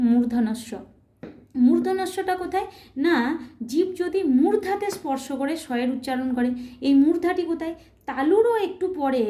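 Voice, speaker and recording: Bengali-speaking woman teacher, high mellow voice, patient, self-questioning, echoey room. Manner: patient, asks and answers her own questions; demonstrates sounds slowly, repeating them. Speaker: Sanskrit teacher. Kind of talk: explanatory online lesson.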